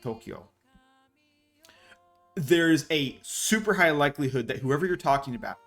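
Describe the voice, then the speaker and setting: Talking to viewers on a live stream, this thirty-something American VTuber keeps things casual, animated, and self-mocking. He has a medium-pitched voice that's a bit bright.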